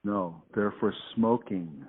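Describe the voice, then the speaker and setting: Heard through a phone line that breaks up and drops out, a man with a slow, husky, lowish voice talks in a relaxed, hesitant way. He's an artist answering a call.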